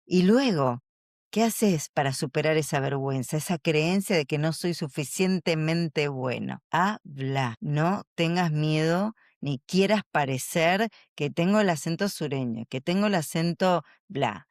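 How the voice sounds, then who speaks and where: A woman, a communication coach answering interview questions in an animated, storytelling way. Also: sits low, measured pace, dry recording, studio quality.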